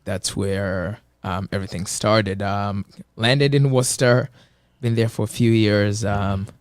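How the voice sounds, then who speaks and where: A man's voice: lowish voice, steady tone, a little slow, dry recording, clean studio sound. A man in his twenties from Kenya, a personal trainer speaking earnestly as an interview guest, with lots of filler words. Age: 20s. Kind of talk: casual interview.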